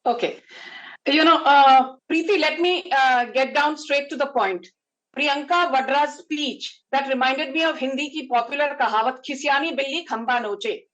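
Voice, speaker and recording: Female Indian political panellist, high pitch, combative, emphatic, code-switching into Hindi. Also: moderate pace, a bit bright, poor audio. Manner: emphatic, rhetorical repetition, mixes Hindi into English. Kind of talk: combative TV debate argument.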